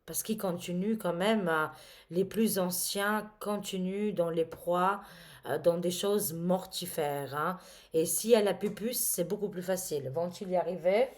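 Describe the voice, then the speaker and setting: A woman's voice: lowish voice, measured pace. A woman reading tarot cards to her viewers, talking casually and dramatically with many exclamations and fillers. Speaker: tarot reader.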